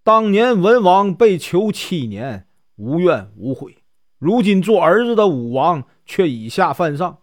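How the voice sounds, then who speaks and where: A man's voice: high voice, very animated, a little slow, no echo, studio quality. A man voicing a stern, loyal old male court minister who declaims solemnly in a told story. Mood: scolding.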